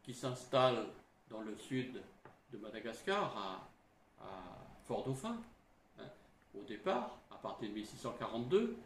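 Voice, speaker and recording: Slow, lively middle-aged man historian. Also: medium pitch, a little hiss or hum. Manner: halting, frequent "hein" and restarts. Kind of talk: explanatory talk. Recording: roomy with faint ambience.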